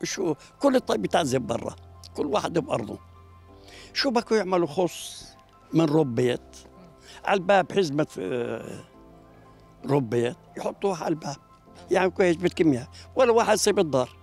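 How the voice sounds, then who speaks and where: Elderly man, late 80s, gravelly, quick-talking, storytelling, outdoor garden, handheld mic. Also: a little high, big pitch swings, soft background music. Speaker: elderly local resident. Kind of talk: reminiscing in an outdoor interview. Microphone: handheld mic held by interviewer.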